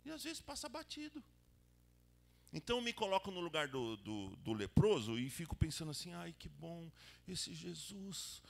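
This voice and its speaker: A man with a Brazilian Portuguese accent preaching a sermon at a church service, acting out quoted lines and swinging between whispers and loud exclamations. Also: fairly high pitch, creaky, a little hiss or hum. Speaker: pastor.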